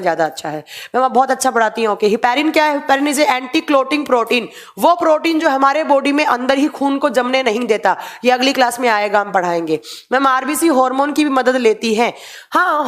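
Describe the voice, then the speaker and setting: Brisk high-voiced woman teaching biology. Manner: mixes Hindi with English terms, brisk and matter-of-fact. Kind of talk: live online class reading and answering chat questions.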